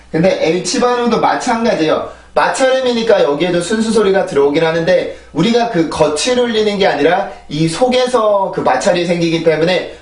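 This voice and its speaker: A man's voice: a little high, echoey room, far from the mic. A man with a Korean accent teaching English pronunciation, explaining patiently and drilling words in repeated sets. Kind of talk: pronunciation lesson. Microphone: clip-on mic on a phone camera.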